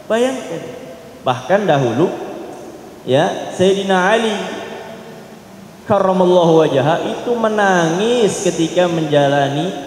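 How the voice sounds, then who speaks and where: Male preacher, earnest direct sermon delivery, heavy room echo. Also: high voice. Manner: earnest, addresses listeners directly. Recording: roomy hall with long reverb.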